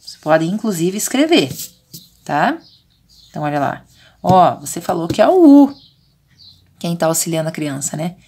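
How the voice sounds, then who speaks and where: Brazilian preschool teacher, remote lesson, drawn-out syllables, keeps checking in. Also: female voice, on the low side, sing-song, dark tone, husky. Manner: patient, drawn-out sounding of syllables and vowels; frequent checking fillers. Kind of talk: remote lesson for young children.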